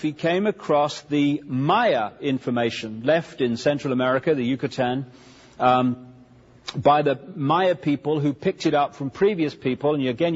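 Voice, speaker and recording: A man giving an emphatic lecture with slides, pausing often with fillers. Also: on the high side, breathy edge. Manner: emphatic, with many pauses and fillers. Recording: lo-fi recording in a large echoey hall.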